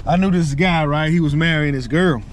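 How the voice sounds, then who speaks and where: An American man giving a casual, colloquial faith talk, exhorting and telling stories as a vlogger. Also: moderate pace. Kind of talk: casual preaching talk to camera. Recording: noisy, engine and road rumble.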